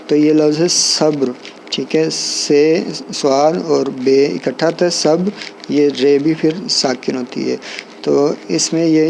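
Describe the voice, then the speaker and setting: Male lecturer, somewhat high voice with a gravelly edge; patient, explanatory delivery. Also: dark tone, a little hiss or hum, poor audio. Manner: patient, explanatory, often checks in with listeners. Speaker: poetry teacher. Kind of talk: recorded lecture.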